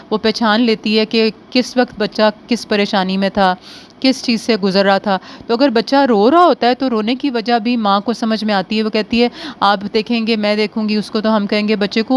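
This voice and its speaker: A woman giving a training lecture on listening skills, switching between Urdu and English and speaking slowly and deliberately in English. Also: fairly high pitch, slight background noise, rough recording. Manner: slow and deliberate in English, quicker in Urdu, mixing both.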